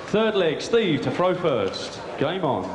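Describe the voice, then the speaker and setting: A man working as a darts score caller, announcing scores and legs in formal, drawn-out calls. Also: a little high, big pitch swings. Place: large indoor tournament hall with audience. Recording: loud hall crowd noise, echoey venue.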